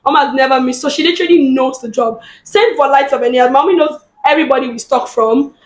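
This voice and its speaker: High-voiced Nigerian woman, chatty. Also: quick pace, reverberant. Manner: lively, chatty, laughs often. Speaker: guest business owner. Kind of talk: casual interview chat.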